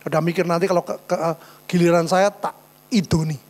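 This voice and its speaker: A man's voice: fairly high pitch, fairly even intonation, brisk, darkish tone. A man preaching a sermon as pastor, telling stories and acting out conversations. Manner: storytelling, often addressing listeners as saudara, acting out quoted dialogue. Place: church. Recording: faint mains hum.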